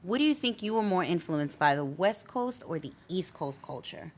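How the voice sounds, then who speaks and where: A woman's voice: lowish voice, animated, moderate pace. A woman hosting a podcast in a casual, chatty way, sometimes tripping over her words. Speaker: podcast host. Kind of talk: casual interview chat.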